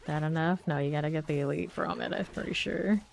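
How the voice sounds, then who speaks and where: This low-pitched woman talks briskly in a creaky voice, with a faint hiss or hum in the audio. She's streaming a game and sounds stuffed up and sniffly with a cold, musing chattily to herself and second-guessing each decision in casual commentary.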